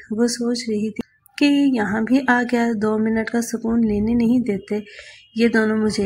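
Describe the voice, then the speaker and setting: Woman narrating a romance audio novel, steady read, highish voice, lil bit of hiss.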